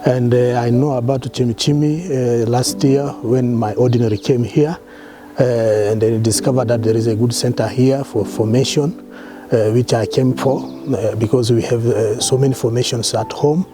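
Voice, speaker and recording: A priest from South Sudan giving an interview testimony, halting and repeating words as he goes. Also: mid-range voice, steady tone, over music.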